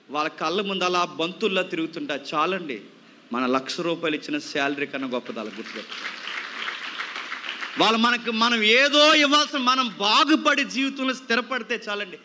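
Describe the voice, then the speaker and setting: A man's voice: high-pitched, a little fast, bright, forceful tone, some chatter behind, a little hiss or hum. A male preacher giving a youth sermon, scolding his listeners with a stream of rhetorical questions.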